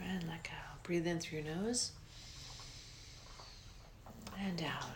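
A woman guiding a meditation in a soft, breathy near-whisper, slow and soothing, with long pauses. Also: low-pitched, noisy background. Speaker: meditation guide.

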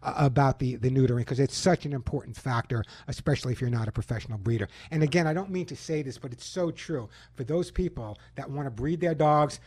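Broadcasting from a studio microphone, a Long Island, New York man hosts a call-in pet radio show, offering emphatic, self-assured advice and reading ads. His voice is medium-pitched and darkish, quick with few pauses, and there is no room sound.

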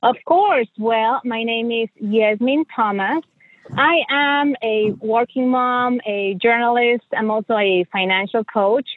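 A middle-aged woman from Mexico, a native Spanish speaker with a Mexican accent, tells her story conversationally as a podcast guest; she is a financial coach and journalist. Her voice is on the high side and her pace slow. The audio is narrow and tinny, with no echo.

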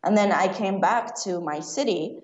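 A young adult woman from Saudi Arabia, a screenwriter guest in a conversational interview, talking quickly and laughing often. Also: medium pitch, a little mellow. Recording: roomy, dull sound with faint noise.

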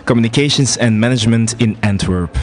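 A man's voice: medium pitch, brisk. A young man, chatting hesitantly on a student radio show in a studio. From Belgium. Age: 20s. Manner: hesitant, many fillers. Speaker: student guest. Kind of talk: casual radio chat.

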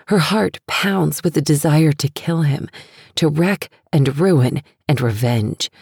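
Low, husky, creaky woman narrator. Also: slow, dry recording. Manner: intimate and hushed. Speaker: audiobook narrator. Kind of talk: scripted narration. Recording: dry close studio sound.

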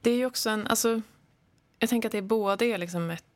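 A woman interviewing an author and reflecting aloud, attentive and encouraging. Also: on the high side. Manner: attentive, frequent soft backchannels. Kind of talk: conversational interview.

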